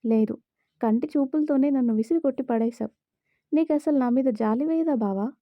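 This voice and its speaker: A woman's voice: high voice, moderate pace, dry recording, lo-fi sound, natural voice. Woman voicing a hurt, pleading young wife. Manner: pleading, aggrieved.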